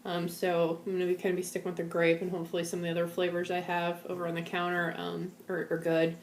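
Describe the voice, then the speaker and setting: Female vlogger, slightly low voice, weak and shaky post-surgery, informal delivery, roomy home recording. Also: completely flat delivery, fast talker, slight background noise. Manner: weak and a bit out of it after surgery. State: shaky, feverish, recovering from surgery. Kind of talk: casual personal video diary. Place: indoors at home. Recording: echoey room.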